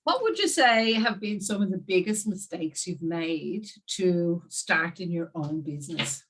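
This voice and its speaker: An Irish woman hosting an interview over a video call, chatting in a lively way and speaking straight to her viewers. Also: fairly low pitch, unhurried. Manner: lively, addresses viewers directly. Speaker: host. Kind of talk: casual interview chat.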